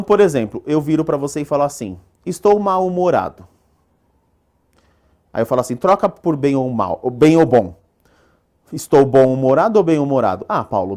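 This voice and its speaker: Brazilian teacher drilling spelling rules. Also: male voice, mid-range voice, darkish tone. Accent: Brazilian Portuguese. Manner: drills rules with rhetorical questions, asks "perfeito?" often; slow, stressed delivery when stating rules. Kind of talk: recorded exam-prep lesson.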